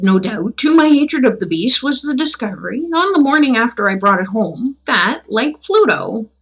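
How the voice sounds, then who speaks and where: A medium-pitched woman, captured on a low-quality recording, reads classic tales aloud on her livestream. Her delivery is measured and expressive, broken up by playful, chatty asides.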